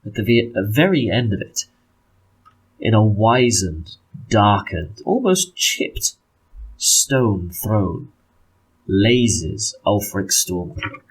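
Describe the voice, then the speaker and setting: A man narrating a tabletop roleplaying game as game master, deliberate, pausing between descriptive phrases. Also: fairly low pitch, animated, husky, low-quality recording.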